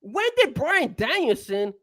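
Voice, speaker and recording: A man's voice: very high voice, very animated, a little slow, fairly bright tone, no room sound, studio quality. A man co-hosting a casual wrestling talk show, ranting heatedly with cursing and rhetorical questions. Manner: rhetorical questions, laughs often. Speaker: co-host.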